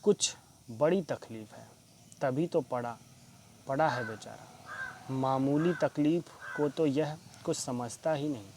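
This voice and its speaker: A man's voice: mid-range voice, takes it slowly, background noise. A man reading the lines of a chatty middle-aged neighbour in a school play. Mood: jovial. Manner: reads the part plainly in his own voice.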